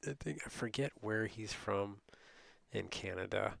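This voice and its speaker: A man's voice: fairly low pitch, measured pace, gravelly, fairly bright tone, no room sound. A middle-aged man telling a rambling, casual late-night story as a streamer, often laughing and quoting people.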